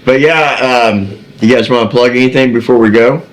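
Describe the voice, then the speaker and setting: A man's voice: medium pitch, normal speed, poor audio. A middle-aged man co-hosting a casual podcast, rambling, laughing often and trailing off mid-sentence. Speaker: podcast co-host.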